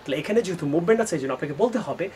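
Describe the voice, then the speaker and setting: A man's voice: on the high side, animated, dark tone, a little hiss or hum. Man teaching English grammar. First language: Bengali. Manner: switches between explanation and slow, carefully spaced example sentences; poses students' questions and answers them himself. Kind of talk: spoken English lesson.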